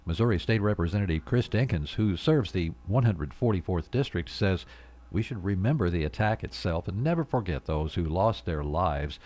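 A man's voice: low-pitched, lively intonation, moderate pace, darkish tone. A man hosting a local radio show and reading the news. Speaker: radio host and newsreader.

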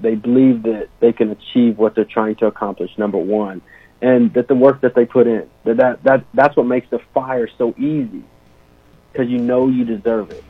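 A man's voice: mid-range voice, husky, no room sound. A young man, an assistant basketball coach, telling stories casually in an interview, with many fillers. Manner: animated storyteller, many fillers. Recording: tinny phone-line sound.

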